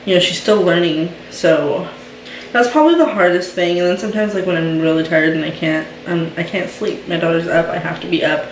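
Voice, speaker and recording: A chatty young woman, sounding like a mom vlogger, talks fairly fast in a low-leaning voice and uses plenty of "um" and "like." There's slight background noise, and the mic seems far away in an open, roomy space.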